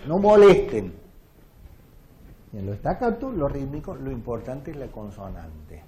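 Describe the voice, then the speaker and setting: A man's voice: fairly high pitch, a little mellow. A man with an Argentine accent giving a music lecture, demonstrating examples and often asking the audience questions. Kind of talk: lecture with sung and recited examples. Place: lecture hall.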